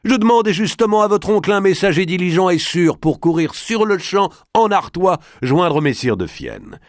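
Guy reading aloud doing a big loud bossy nobleman, high-pitched and booming, slow grand delivery, dry close sound. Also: very animated, dry recording. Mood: commanding. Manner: declamatory, emphatic, commanding.

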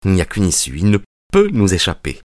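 A man's voice: sits low, huge pitch swings, a little fast, darkish tone, dry recording, clean studio sound. A man voicing an earnest young male detective in an audiobook, in a determined, earnest manner. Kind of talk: audiobook character reading.

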